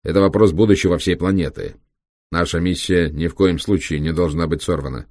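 A male narrator doing a ruthless German biochemist, creaky and dismissive, lecturing his superior. The tone is deep and husky, recorded dry and close. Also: fairly even intonation, fairly quick, a little mellow, no echo. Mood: cold. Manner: reproachful, dismissive.

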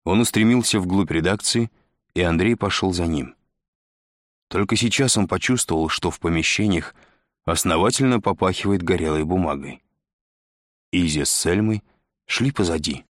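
A man narrating an audiobook in a steady, measured reading. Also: low-pitched, dry recording, clean studio sound.

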